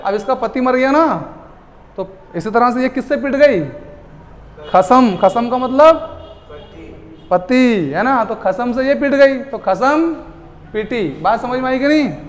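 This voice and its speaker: High-voiced man lecturing in a hall. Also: slow pace, long pauses. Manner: lively, asks the class questions and answers them himself. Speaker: teacher. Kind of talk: classroom lecture. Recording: long hall reverb.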